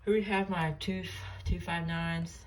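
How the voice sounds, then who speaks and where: This man's voice sits a little high and stays fairly flat in pitch. Showing his radios casually, he wanders from point to point, stumbles, and keeps fixing what he just said. Clicks and room noise fill the background.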